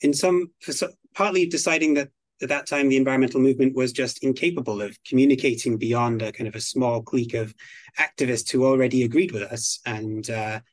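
A man from the United Kingdom being interviewed as a guest on a podcast, speaking in a measured, articulate way. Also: mid-range voice, fairly even intonation, no room sound. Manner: measured, articulate, slow and deliberate. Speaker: guest expert on biodiversity.

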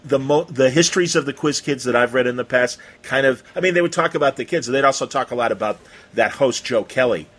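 Quick-paced and fairly bright in tone, a middle-aged man with a mid-range voice hosts a casual radio interview with an author. He rambles informally, circling around each question.

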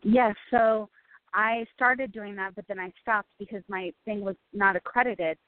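Middle-aged female caller, mid pitch, tentative conversational delivery, dull close dry audio. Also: fairly even intonation, unhurried, no echo. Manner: hesitant, unsure. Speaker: caller seeking guidance. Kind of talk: casual call-in conversation.

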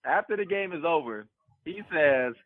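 A man, a former college basketball player and podcast guest, telling a personal story in an animated way and repeating words for emphasis. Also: fairly high pitch, normal speed, dry recording. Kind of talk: candid storytelling in a podcast interview. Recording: tinny remote call line, dry.

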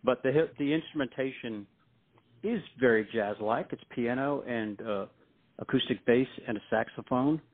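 A man talking casually as a musician guest in an interview, with a folksy, self-deprecating manner. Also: lowish voice. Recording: thin, phone-like line.

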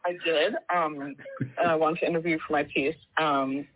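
A woman reporter's voice comes through a tinny phone line, thin and narrow. She talks politely but hesitantly, filling her pauses with ums. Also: sits low, fairly even intonation. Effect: heard over the phone.

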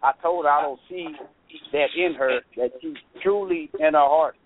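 A man from Texas calling in to a radio show over the phone, talking casually and clearing his throat now and then. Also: a little high, normal speed. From Texas, USA. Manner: relaxed and conversational, clears his throat often. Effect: calling in over a phone line to a radio show. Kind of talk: casual call-in chat. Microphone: telephone. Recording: tinny, dry phone line.

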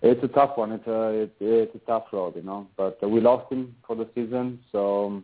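A man's voice: fairly low pitch, steady tone, moderate pace. Rambling man on a tinny phone line. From Albania. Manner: rambling, says "you know" constantly. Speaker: professional volleyball player, guest. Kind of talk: casual phone interview. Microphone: phone call.

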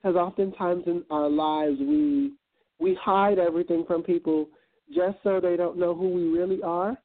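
Over a tinny phone line, a man from Guyana, an event planner and entrepreneur, guests on an internet radio interview. His high voice holds a steady tone at normal speed as he speaks earnestly and reflectively, with plenty of ums and uhs, in motivational talk.

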